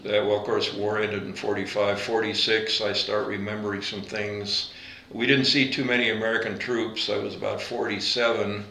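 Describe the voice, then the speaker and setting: Veteran in his 80s, born in Latvia, low bright voice, room echo. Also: flat delivery, creaky. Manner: unhurried, halting with fillers and self-corrections. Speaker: veteran interviewee. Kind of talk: oral history interview.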